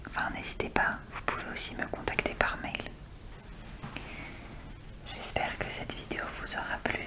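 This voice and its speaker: A woman doing informal, soft-spoken ASMR show and tell in a breathy whisper, close and intimate as if right in the ear. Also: normal speed. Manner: informal, chatty. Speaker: ASMR video creator.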